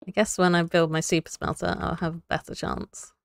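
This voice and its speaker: A woman's voice: fairly low pitch, vocal fry, no echo. A young woman streaming a building game, chatting to viewers and thinking aloud as she builds, laughing often. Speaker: Minecraft streamer. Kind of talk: casual live gameplay chat.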